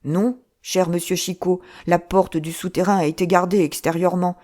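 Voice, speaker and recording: A woman reading an audiobook, voicing a fat, cowardly male monk who wails and pleads loudly. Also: fairly low pitch, fairly even intonation, natural voice. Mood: pleading. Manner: lamenting, pleading, drawn-out wails.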